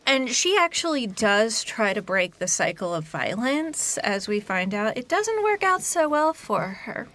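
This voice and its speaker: A woman co-hosting a casual book podcast, dropping wry, deadpan asides. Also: a little high, unhurried, hardly any pauses. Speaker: podcast co-host.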